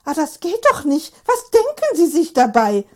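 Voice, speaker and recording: A woman voicing an indignant elderly lady in a read-aloud story, crying out in shrill outrage. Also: very animated, normal speed.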